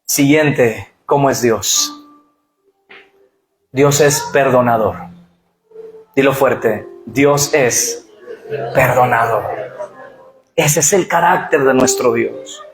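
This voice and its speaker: A man's voice: medium pitch, slow, pauses often. A middle-aged man preaching a sermon, urging the congregation to repeat phrases aloud. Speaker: pastor. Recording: echoey church hall with music.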